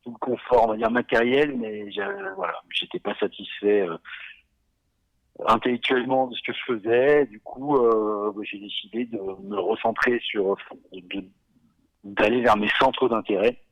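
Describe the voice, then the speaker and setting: A man in his forties from Savoie, talking casually as a podcast guest, relaxed and hesitant, with many fillers and little chuckles. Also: mid-range voice, unhurried, creaky, lo-fi sound. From Savoie, France. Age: 40s. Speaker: guest, beer company founder.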